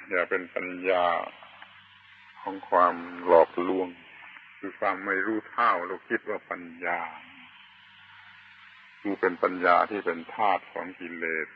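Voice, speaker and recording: A man preaching a Buddhist sermon, slow and deliberate, pausing often and stressing key words. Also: low-pitched, narrow, tinny audio, a little hiss or hum. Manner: slow and deliberate, with long pauses and emphatic chanted words. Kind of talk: Dharma sermon.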